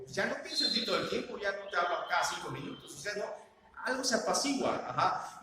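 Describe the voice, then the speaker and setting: A man with a Mexican accent lectures to a live audience in a high voice, peppering his points with rhetorical questions and acting out what parents say. He sounds as if he is in a large, reverberant hall. Steady background noise sits under his voice. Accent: Mexican Spanish. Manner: rhetorical, seeks agreement with tag questions; acts out quoted parents.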